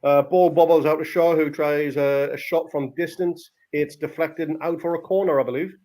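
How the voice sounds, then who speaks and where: A man whose mellow voice is on the high side speaks at normal speed with fairly even intonation. He's a football watchalong podcast host, giving casual, partisan live commentary full of exclamations.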